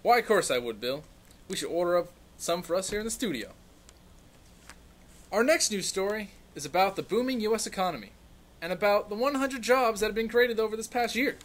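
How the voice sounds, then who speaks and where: A man's voice: sits high, expressive, brisk, a bit bright. A man playing a smug, mock-earnest parody news anchor with an obvious bias in a scripted satire sketch. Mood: dismissive, folksy.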